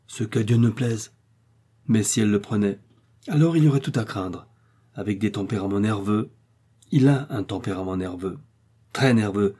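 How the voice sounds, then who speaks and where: A man playing a calm, sententious village doctor who explains slowly and deliberately. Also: on the low side, lightly acted.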